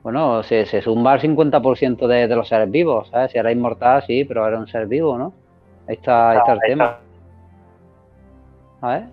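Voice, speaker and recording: A man hosting a casual chat, talking excitedly and rambling, with lots of restarts and filler questions. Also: mid-range voice, a little fast, long pauses, soft background music. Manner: excited, rambling, repeats himself often. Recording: dull lo-fi recording.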